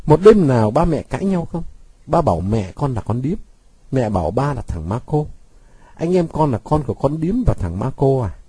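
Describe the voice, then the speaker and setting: A man's voice: mid-range voice, dark tone, breathy edge, no room sound, heavily acted. A man voicing a bitter, defiant young man who mocks his father with sweet sarcasm. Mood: furious. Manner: sarcastic, cutting, sweetly mocking.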